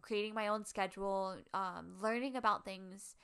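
An American woman in her twenties from Hawaii, a podcast co-host telling personal stories casually in a halting, informal and self-effacing way. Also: medium pitch, fairly even intonation, a bit bright, clean tone. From Hawaii, United States. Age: 20s.

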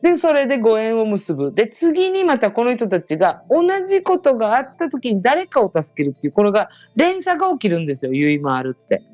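A woman from Okinawa, hosting a podcast and telling a story in a chatty, casual way that turns animated when she quotes others. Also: on the high side, a little fast, few pauses, no room sound. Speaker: podcast host. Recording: slightly dull podcast audio with faint music.

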